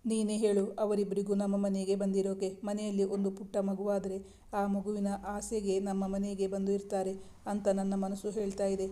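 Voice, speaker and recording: A woman reading the lines of a kind, caring mother-in-law in a storybook romance, in a gentle, motherly way. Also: medium pitch, monotone, normal speed, natural voice. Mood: wistful.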